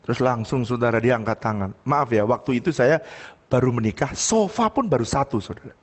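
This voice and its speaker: A man's voice: mid-range voice, fairly quick, long reverb tail. A middle-aged man preaching a sermon, telling a story and acting out the voices of the people in it. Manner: animated, acts out quoted voices, addresses congregation as brothers and sisters. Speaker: pastor.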